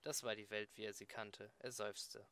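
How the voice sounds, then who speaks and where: A man narrating an amateur audiobook in a plain, even storytelling read. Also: lowish voice, moderate pace. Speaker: audiobook reader.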